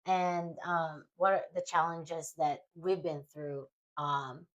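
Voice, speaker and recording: A woman with a lower-pitched voice hosts a relaxed podcast conversation. She is chatty and laughs easily as she asks questions and shares her own story. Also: takes it slowly, dull audio. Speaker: podcast host. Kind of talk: casual chat.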